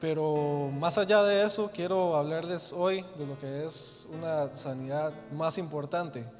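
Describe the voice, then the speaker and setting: Here the young Costa Rican guest's voice runs slightly high and slightly slow as he shares his testimony. He stumbles through it with plenty of fillers and false starts, against gentle guitar in a reverberant church hall.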